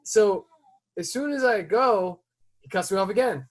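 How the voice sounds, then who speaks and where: A man's voice: sits high, measured pace. Fired-up man swearing through a story. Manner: profane, heated retelling with sudden loud outbursts. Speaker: podcast host. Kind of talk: casual storytelling chat.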